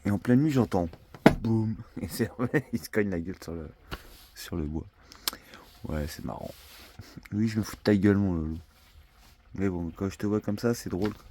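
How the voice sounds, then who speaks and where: A man chatting casually for a vlog in a slangy, joking, expressive way. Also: on the low side, normal speed, pauses often, a little hiss or hum. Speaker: vlogger living in a camper truck.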